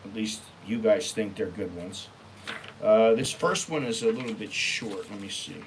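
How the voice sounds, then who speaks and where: An American man hosts a casual online storytime show, reading emails aloud and commenting on them bluntly, with swearing and exasperation. His voice is on the low side and his pace moderate, delivered emphatically over slight background noise.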